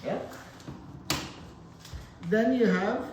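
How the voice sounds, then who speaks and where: A man's voice: high-pitched, very slow, a little mellow, muffled recording, slight background noise. A man teaching a math class, mixing pep talk with dad jokes and talking straight to his students. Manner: joking, motivational, addresses class directly. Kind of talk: classroom lesson. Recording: echoey classroom from far off.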